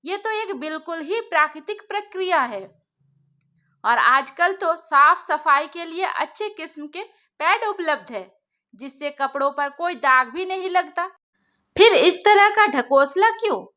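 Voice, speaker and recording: A woman voicing a young, outspoken newlywed wife who argues calmly and firmly in a storybook. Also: extremely high pitch, unhurried, exaggerated voice. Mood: reasoning. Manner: calmly reasoning, firm.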